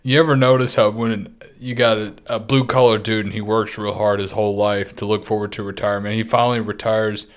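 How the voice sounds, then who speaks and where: A man's voice: lowish voice, flat delivery, brisk, clean tone. Joking profane young man on a podcast. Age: 20s. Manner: joking, profane, slangy banter. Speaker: podcast co-host. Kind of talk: casual chat.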